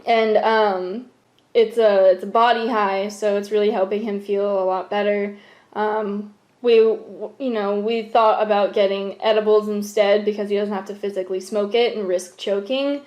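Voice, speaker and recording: A woman's voice: mid-range voice, flat delivery, normal speed, darkish tone. A young adult woman with an American accent talking casually on a home vlog. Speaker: vlogger and caregiver. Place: room at home.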